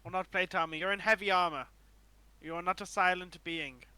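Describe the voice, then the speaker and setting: Bright-voiced young gamer man. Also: high-pitched, fairly even intonation, fairly quick, clean tone, no room sound. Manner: joking, slangy trash talk. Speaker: player. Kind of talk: casual game banter.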